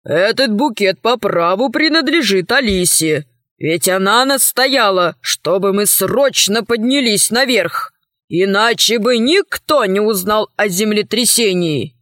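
A woman voicing a thin, very old man who speaks calmly, kindly and modestly. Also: medium pitch, unhurried, no room sound, clean studio sound. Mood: gentle. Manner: calm, kind, modest. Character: thin tall ancient old man, gentle scientist.

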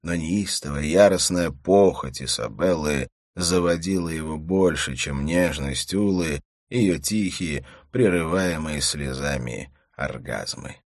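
A male narrator reads a novel in a very deep, low voice. His pace is measured and steady, and the recording is dry and close with no room sound. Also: dry recording. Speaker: audiobook narrator. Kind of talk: scripted narration of a crime novel.

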